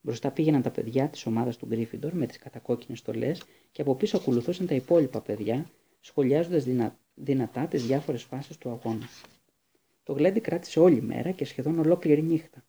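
A man narrating a novel aloud in a measured storybook way, with small slips. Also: medium pitch, warm tone, breathy edge. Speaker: audiobook narrator.

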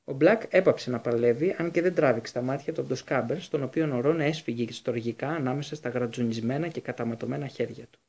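A man narrating a children's fantasy novel in an expressive reading. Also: mid-range voice, creaky, few pauses. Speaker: audiobook narrator. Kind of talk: scripted narration.

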